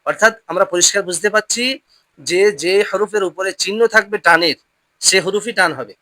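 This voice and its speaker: With a mid-range, bright and forceful voice, a teacher guides a patient Quran reading lesson without any echo. Questions come around again and again, and words are modeled slowly as students repeat pronunciation back.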